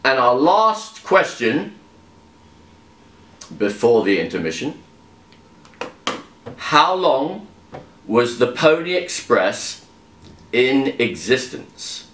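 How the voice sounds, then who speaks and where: A man's voice: medium pitch, very animated, extremely slow, long pauses, a bit bright, slight background noise. A man hosting a quiz, reading out the questions with chatty, wry asides between them. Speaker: quiz host. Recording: echoey room.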